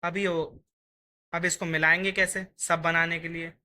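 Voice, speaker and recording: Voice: medium pitch, little pitch movement, normal speed, bright, forceful tone. A teacher giving a patient, step-by-step Urdu writing lesson, sounding out each letter while writing it.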